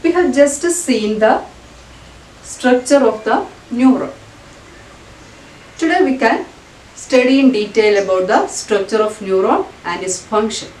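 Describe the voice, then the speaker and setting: A woman from Kerala, India, with a Malayalam accent teaches a school biology lesson, her voice on the high side and a little mellow. She speaks a little slowly with long pauses, explaining didactically and rephrasing her points. The distant mic captures a roomy space with faint noise.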